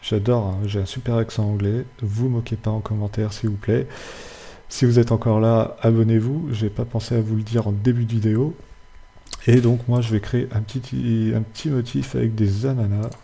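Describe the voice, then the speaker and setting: A young man hosting a casual screen-recorded software tutorial, hesitating often as he explains each step. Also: fairly low pitch, fairly even intonation, brisk, creaky, breathy edge. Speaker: tutorial host.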